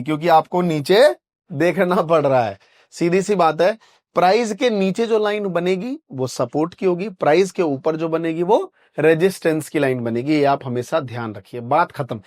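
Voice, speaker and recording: A man's voice: on the high side, dry recording, studio quality. A man teaching trading over a chart, who keeps asking rhetorical questions, answers them himself and checks in with "correct?", speaking. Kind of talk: chart lesson screen narration.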